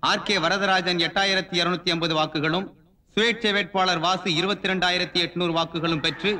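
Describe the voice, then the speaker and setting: A formal election announcer reading out tallies in a high, very bright voice. He sounds set back from the mic, with soft music underneath. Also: steady tone, a little fast, recorded from a distance. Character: male election announcer reading vote counts.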